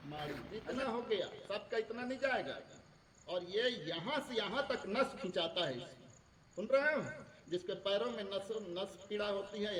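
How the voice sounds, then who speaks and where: A man leads schoolchildren through yoga in a high, coaxing voice, often checking that they follow. He sounds far from the mic in a roomy, echoing space with a faint hum behind him. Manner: coaxing, asks students questions, calls them beta. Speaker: school teacher leading a yoga session. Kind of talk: guiding a class through yoga exercises. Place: school room with students. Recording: echoey room, distant mic, faint background noise.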